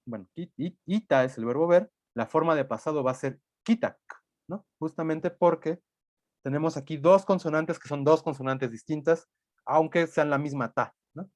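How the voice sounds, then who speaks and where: A man's voice: a little high, a little mellow, dry recording. A man teaching a language class, explaining step by step and thinking aloud, often checking in with tag questions. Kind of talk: recorded lecture.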